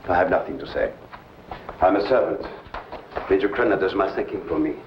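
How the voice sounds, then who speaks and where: An actor playing a sorrowful, resigned refugee scientist with a formal, grave manner in a vintage B-movie. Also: male voice, sits low, a little fast, close to an everyday voice. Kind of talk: vintage B-movie film acting. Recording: muffled old film soundtrack, noisy.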